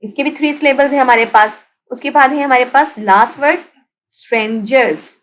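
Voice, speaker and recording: High-voiced woman teacher. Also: normal speed, a little hiss or hum, poor audio. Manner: patient, spells words out letter by letter and repeats them; mixes English terms into explanations. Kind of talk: classroom lesson recorded as video.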